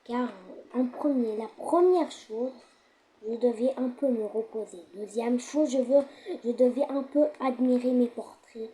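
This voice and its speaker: A woman giving casual, hesitant commentary over a block-building game, with frequent fillers and pauses while she thinks. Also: fairly high pitch, warm tone, breathy edge, rough recording. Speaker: gamer.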